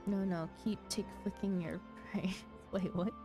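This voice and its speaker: A woman hosts a game livestream, chatting easily and casually with her viewers as she plays, with music behind her. Her mid-range voice has fairly even intonation and a slightly slow pace.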